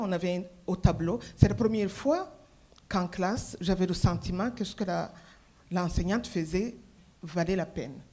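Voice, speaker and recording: A middle-aged woman from Rwanda, a professor speaking on a conference panel into a handheld mic, with measured, reflective storytelling. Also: lowish voice, a little mellow. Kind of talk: panel conversation. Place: conference stage.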